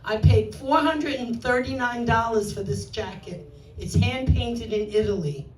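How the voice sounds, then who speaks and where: A stand-up comic from New York, a woman in her sixties, gives a brash set laced with self-mockery. She talks at a measured pace in a slightly high voice, recorded from far off in a roomy club with slight background noise.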